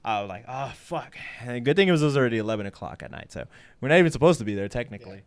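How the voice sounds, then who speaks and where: Young male co-host, crude and animated, with a smooth, clear voice that is middle-pitched; loose, profane storytelling with laughter. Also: racing. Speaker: podcast co-host. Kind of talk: casual storytelling chat.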